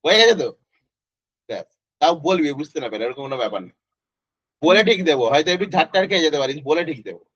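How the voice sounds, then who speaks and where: A man's voice: fairly high pitch, expressive, racing, long pauses, a bit bright, breathy edge, no echo. A male physics tutor, teaching an online class in a casual way and quizzing students by name. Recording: dry, slightly dull lo-fi audio.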